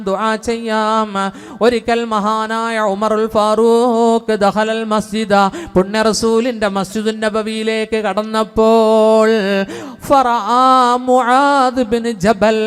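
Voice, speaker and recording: A man preaching a sermon, chanting Arabic quotations slowly and melodically before explaining them. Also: sits high, clean tone. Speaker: Islamic preacher.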